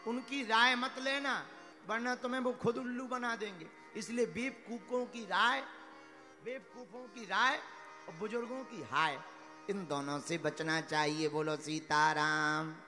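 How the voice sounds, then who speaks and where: A man giving a devotional sermon in story form, animated, addressing the crowd directly and calling for responses. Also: high voice. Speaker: religious storyteller. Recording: echoey hall with faint music.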